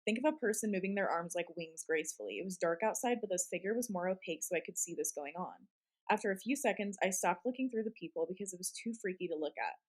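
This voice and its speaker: A woman's voice: fairly low pitch, animated, quick pace, rough recording. A woman co-hosting a casual show, reading scary stories and reacting to them in a chatty, giggly way. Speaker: podcast co-host.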